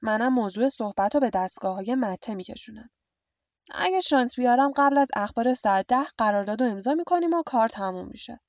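A bossy, blustering middle-aged husband barks orders at his household, as a woman reading the story puts him on. The voice sits rather high and lands dry and close. Commanding, never gentle. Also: no echo, natural voice.

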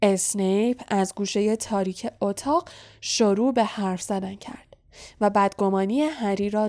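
A woman reads a novel aloud for an audiobook. Her narration stays hushed and breathy, often dropping near a whisper. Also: medium pitch. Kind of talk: audiobook reading.

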